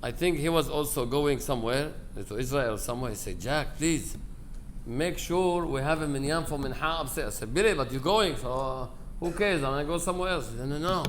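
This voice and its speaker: A higher-voiced man, a rabbi from Aleppo, Syria, speaks briskly in an informal memorial speech drawn from personal anecdotes. He tells his stories conversationally, acting out quoted dialogue, and his English grammar is broken. The live speech carries clear background noise.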